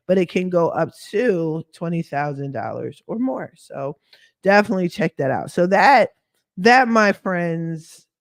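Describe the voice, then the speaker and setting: Her voice hoarse and deepened by a lingering cough, a woman who runs a credit repair business leads a relaxed screen-share walkthrough. She's candid and slangy, tossing in sassy asides. Captured close and dry on a computer microphone, the audio carries no room sound.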